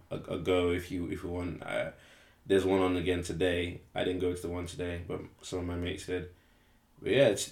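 A man's voice: low voice, darkish tone, roomy sound. A young man, chatting casually as a podcast co-host, rambling and correcting himself, laughing easily. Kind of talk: casual chat.

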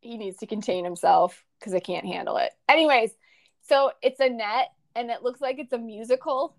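A woman with a very high voice and a Minnesota accent. She chats casually as a podcast co-host, gushing like an excited fan and leaning hard on her words. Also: moderate pace. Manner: gushing, emphatic fangirl talk. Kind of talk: casual chat.

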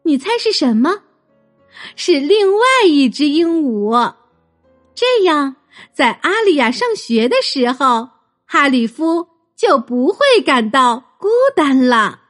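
A woman narrating a children's story in a gentle, expressive way. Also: high voice, slow pace, faint music behind.

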